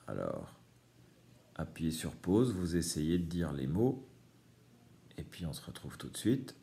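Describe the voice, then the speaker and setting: A man's voice: deep voice, darkish tone. A man teaching a reading lesson to young children, patiently explaining each word. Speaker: primary school teacher.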